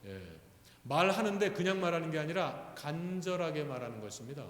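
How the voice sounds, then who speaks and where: A man preaching a sermon as pastor, often asking the congregation questions and building to loud, fervent calls. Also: on the high side, lively intonation, fairly quick. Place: church sanctuary. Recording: echoey church hall.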